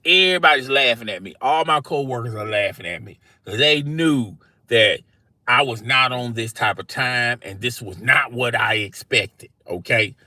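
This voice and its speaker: Man telling a story, very bright dry voice. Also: mid-range voice, normal speed, no echo. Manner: animated, slangy, talks straight to listeners. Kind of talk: casual storytime monologue.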